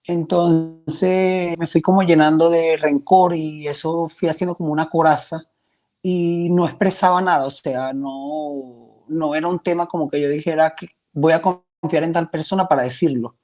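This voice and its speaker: A Venezuelan man in his twenties, a testimony guest with a Venezuelan Spanish accent, shares his faith story hesitantly and earnestly, restarting often. His voice is a little high and darkish in tone, with fairly even intonation at a moderate pace.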